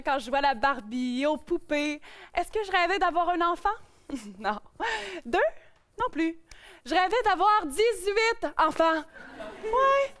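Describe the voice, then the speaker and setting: High-voiced Québécois woman doing stand-up. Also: fairly bright tone, slight background noise. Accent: Québécois French. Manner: playful, self-mocking comic delivery. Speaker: host. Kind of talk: stand-up opening monologue. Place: stage before a live audience.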